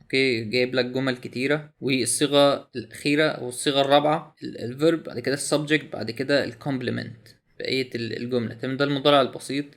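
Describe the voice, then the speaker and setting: Fast-talking Egyptian man, gravelly. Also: mid-range voice. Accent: Egyptian Arabic. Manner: animated, exclaims in surprise often. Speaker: YouTuber reviewing a language app. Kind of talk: casual screen walkthrough.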